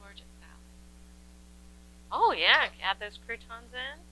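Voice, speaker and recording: A woman's voice: a little high, lively intonation, bright, forceful tone, no room sound, low-quality recording. A woman in her forties co-hosting a cooking show in a home kitchen, reacting with enthusiastic praise and questions. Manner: enthusiastic, quick affirmations. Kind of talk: casual cooking chat.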